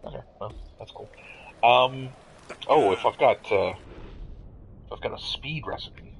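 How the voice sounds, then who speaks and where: A man's voice: medium pitch, measured pace, gravelly, a little hiss or hum, low-quality recording. A man giving casual let's-play commentary as a gamer, joking and muttering asides with some swearing.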